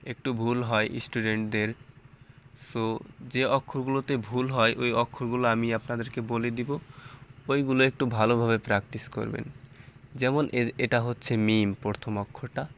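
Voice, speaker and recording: Man, Quran reading teacher, bright tone, spells out syllables patiently, repeats each sound. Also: medium pitch, a little hiss or hum. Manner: slow syllable-by-syllable drilling, explaining pronunciation patiently.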